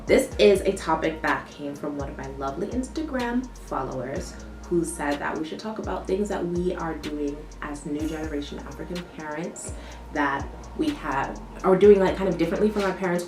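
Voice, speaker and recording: A woman's voice: low voice, fairly quick. A young woman vlogging in casual chat, loose and chatty, often restarting with "like" and "um". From United States. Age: young adult. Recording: roomy echo, distant mic, background music.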